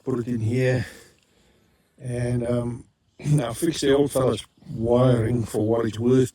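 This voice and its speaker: With a medium-pitched, husky, slightly mellow voice, a South African man records a casual, rambling home vlog on his rural homestead. He keeps pausing to correct himself and says um often.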